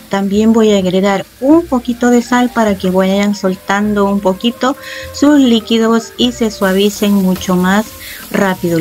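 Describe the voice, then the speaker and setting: A woman, the host of a cooking channel, explaining each step of a home recipe calmly and with fond diminutives. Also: mid-range voice. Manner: calm, explanatory, uses loving diminutives. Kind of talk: step-by-step cooking tutorial voice-over. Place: home kitchen.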